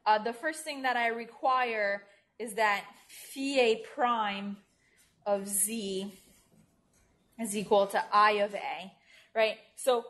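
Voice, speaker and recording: A woman giving a university math lecture at a board in a lecture room, speaking informally, often checking in with "right?" and correcting herself as she writes. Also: medium pitch. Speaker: mathematics lecturer.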